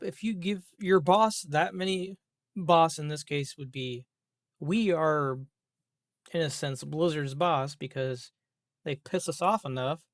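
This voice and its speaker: Recorded with clean studio sound and no echo, this slightly high-voiced man is a gaming commentator venting, unscripted and exasperated, about a video game. Expect grumbling, cursing, emphatic repetition and rhetorical questions.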